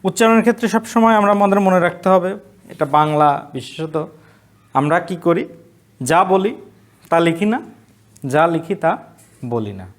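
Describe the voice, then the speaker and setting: A man's voice: sits high, animated, moderate pace, long pauses. A man teaching an online college class, explaining rules step by step and answering his own questions. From Bangladesh. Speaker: college Bengali lecturer.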